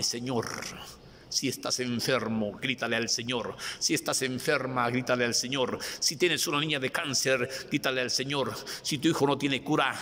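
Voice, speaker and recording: A man's voice: mid-range voice, pushed and bright, in a large hall, slight background noise. A man preaching a sermon, pleading with repeated calls to cry out to the Lord for rescue.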